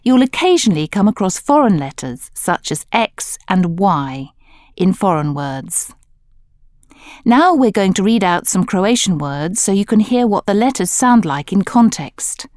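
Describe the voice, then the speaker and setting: A woman giving scripted instructional narration for a language course, explaining in a clear, measured manner. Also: medium pitch, very animated, darkish tone, no room sound, studio quality.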